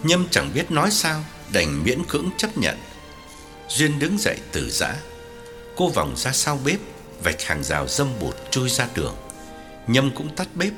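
A man narrating an audiobook story with a lively, wide-ranging delivery. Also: lowish voice, in a large hall. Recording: soft music underneath.

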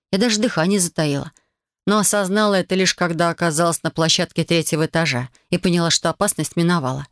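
A woman reading a first-person fantasy audiobook, expressive and flustered in the heroine's lines. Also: lowish voice, no echo, studio quality. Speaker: audiobook narrator.

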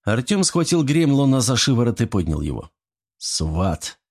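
A man narrating a fantasy audiobook with an even storytelling delivery. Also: medium pitch, a little fast.

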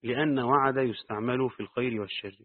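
A man with an Egyptian accent teaching Quran commentary. He reads the text aloud and then adds quick asides in colloquial dialect. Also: medium pitch, steady tone, dry recording. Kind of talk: reading and explaining a tafsir text. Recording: dry, phone-like narrow sound.

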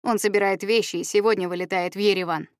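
A woman's voice: mid-range voice, fairly even intonation, fast talker, no echo, studio quality, close to an everyday voice. A woman voicing a firm, commanding woman who gives short orders, in a memoir reading.

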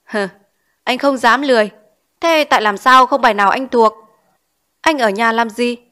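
A woman's voice: fairly high pitch, normal speed, a bit bright, natural voice. A woman reading as a stern old schoolteacher. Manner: scolding, probing questions. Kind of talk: audiobook character reading.

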